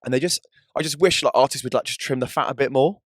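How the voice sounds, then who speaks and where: A hungover, low-energy British man co-hosting a podcast in casual, slangy chat peppered with "like" and "you know". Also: fast, fairly bright tone, no echo, studio quality. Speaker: podcast co-host.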